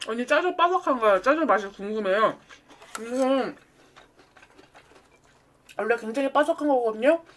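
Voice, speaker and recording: Young female eating-show host, slightly high voice, casual viewer chat between mouthfuls. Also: lively intonation, moderate pace, pauses often, a little hiss or hum. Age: young adult. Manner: talks between bites, chewing, chatty. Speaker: mukbang streamer and host. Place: small furnished room at home, indoors. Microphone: studio microphone on a boom arm.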